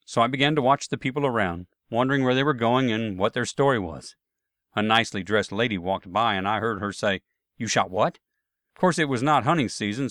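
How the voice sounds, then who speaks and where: With dry, self-deprecating humor, a man at a typical male pitch tells a first-person story about his travel mishaps. His voice is a bit bright, and he's close to the mic in a dead, dry room that has no echo.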